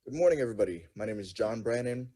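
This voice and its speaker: A man's voice: mid-range voice, expressive, very fast, mellow. A man in his twenties, a music student, introducing himself in a friendly, plain way. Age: 20s.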